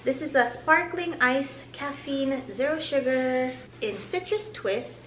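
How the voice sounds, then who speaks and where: A woman in her thirties shows off her grocery haul in a home vlog filmed by camera in her living room, her high-pitched voice animated, chatty and upbeat. She takes it slowly and lingers on some words, with music in the background. The audio is roomy with background hiss.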